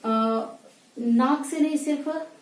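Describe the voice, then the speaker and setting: A woman teaching Hindi grammar at a whiteboard, speaking slowly and repeating words as she writes them. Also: sits high, roomy sound, distant mic, low-quality recording. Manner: slow, repeats words while writing.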